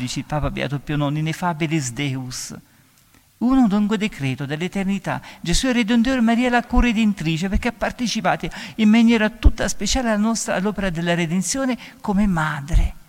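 A man giving a homily as a priest, with a voice a little higher than most men's. He preaches emphatically and climbs in pitch and volume when he stresses a point. A long church reverb trails behind each phrase. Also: animated, a little fast.

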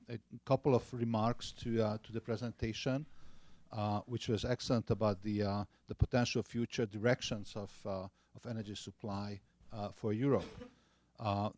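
A man's voice: on the low side, a little mellow, no echo. A man from Hungary with a Hungarian accent, giving hesitant panel remarks full of filler sounds and restarts. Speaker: panelist, former energy minister.

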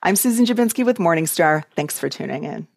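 A woman host speaks in a low voice with very little room sound. Her delivery is that of prepared interview questions and remarks. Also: expressive, brisk, gravelly, darkish tone, no room sound, clean studio sound.

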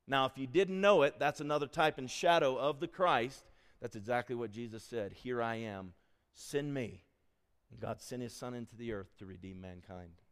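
A man's voice: medium pitch, normal speed, clean tone, long reverb tail. A man, a pastor, preaching a sermon in a church sanctuary, quizzing his congregation as he goes.

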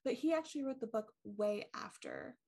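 A woman's voice: fairly high pitch, huge pitch swings, normal speed, creaky, a little mellow. A woman co-hosting a podcast, casually retelling a ghost story with lots of ums and likes. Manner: chatty, many ums and likes, laughs easily. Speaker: podcast co-host.

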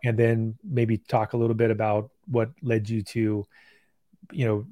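A man's voice: on the low side, measured pace, no echo. Male live stream host, dry sound. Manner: relaxed, conversational with fillers. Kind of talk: casual interview.

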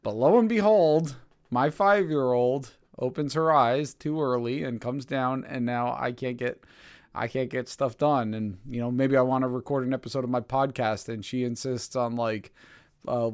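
A man hosting a casual Bible study discussion, talking in a thoughtful, halting way with many fillers. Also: medium pitch, clean tone, dry recording, studio quality. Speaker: Bible study podcast host.

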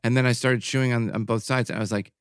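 A man's voice: medium pitch, fairly even intonation, fast talker, clear, resonant tone, dry recording, clean studio sound. A man co-hosting a podcast in casual chat, rambling and joking at his own expense. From United States. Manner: chatty, rambling, self-mocking. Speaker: podcast co-host.

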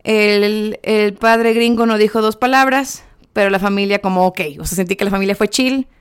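A woman's voice: medium pitch, fairly even intonation, normal speed, smooth. A young woman chats through a casual vlog review of a reality show. She keeps checking in with "¿ok?", calls her viewers friends, and drops English words into her sentences. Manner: chatty, keeps asking viewers "¿ok?"; sprinkles English words into speech.

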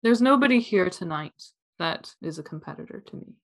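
Low-voiced woman running a tabletop game. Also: animated, brisk. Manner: laughing often, voicing characters. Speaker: game master.

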